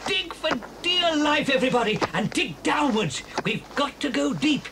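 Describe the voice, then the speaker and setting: A man's voice: very high voice, very animated, normal speed, heavily acted. An actor playing a heroic, commanding father fox in an audio story, with an emphatic, rallying delivery. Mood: urgent, rallying. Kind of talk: 1980s audio story dramatisation. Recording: noisy old cassette.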